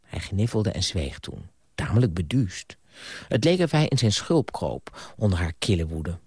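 A man narrating an audiobook in an expressive storytelling manner. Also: sits low, measured pace, breathy edge, no echo, clean studio sound.

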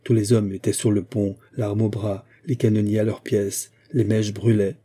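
A man giving measured, scripted narration of a classic adventure novel as an audiobook narrator. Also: lowish voice, breathy edge. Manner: measured, even storytelling.

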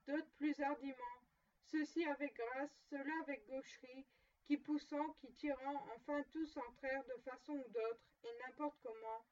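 A woman reading a classic tale aloud with steady, measured narration. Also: high-pitched. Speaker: reader. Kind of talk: storybook reading. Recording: dull distant lo-fi recording.

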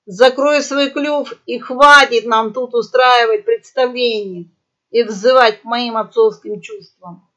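A woman's voice: on the high side, a little slow. A woman voicing a harsh male boar pirate captain who barks orders in a menacing way. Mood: stern. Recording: dull lo-fi audio.

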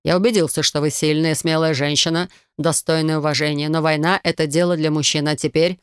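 A woman reading an audiobook and voicing a stern, dismissive male warlord with measured, clipped refusals in a dry, close sound. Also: sits low, fairly even intonation, smooth, dry recording, natural voice. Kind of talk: audiobook narration.

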